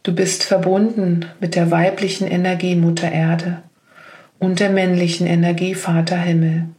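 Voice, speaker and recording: A woman leading a guided meditation, giving gentle, slow instructions. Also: on the low side, level tone.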